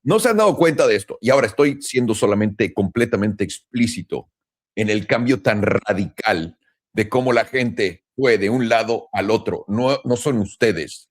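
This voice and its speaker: A man with a Mexican Spanish accent, a crypto trading commentator, ranting in a casual, blunt and profane monologue, full of sarcasm. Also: fairly low pitch. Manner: blunt, profane and sarcastic, mocking others in put-on voices.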